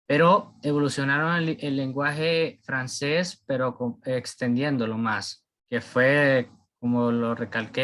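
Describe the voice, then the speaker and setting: A man giving an informal class presentation, often pausing and searching for words mid-sentence. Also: mid-range voice, sharp tone. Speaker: presenter explaining a topic.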